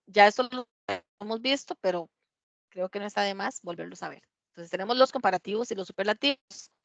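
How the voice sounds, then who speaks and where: A woman's voice: mid-range voice, fairly bright tone, dry recording. Patient woman teaching a grammar class. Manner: patient, repeats key points, checks understanding with "¿verdad?". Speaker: English teacher. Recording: dull lo-fi classroom recording.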